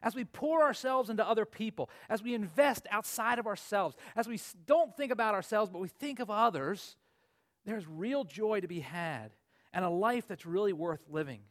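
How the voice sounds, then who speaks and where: A man in his forties preaching a sermon as pastor, earnest and swinging from emphatic peaks to low asides. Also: lively intonation, moderate pace, a bit bright. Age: 40s.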